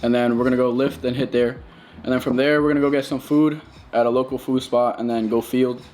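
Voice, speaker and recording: A man's voice: medium pitch, steady tone, fairly quick, darkish tone, slight background noise. A young man from Queens with a New York accent, chatting casually and slangily in a vlog. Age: young adult. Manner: slangy, off-the-cuff. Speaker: baseball player, vlog subject.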